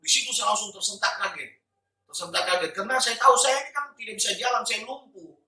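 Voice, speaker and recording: A man's voice: sits high, fast, sharp tone. A man sharing a personal religious testimony, in an earnest manner with fillers and restarts. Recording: echoey room, distant mic.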